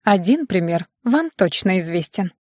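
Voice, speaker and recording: A woman voicing a proud, sharp-tongued young female student with a snippy, mocking manner. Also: on the low side, lively intonation, moderate pace, dry recording, studio quality. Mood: snippy confident.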